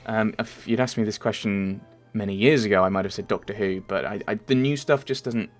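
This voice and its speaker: Answering viewers' questions over faint game music, a young man from Merseyside talks fairly quickly in a low-sitting voice. The voice-over is relaxed and meandering, with lots of ums and corrections of himself.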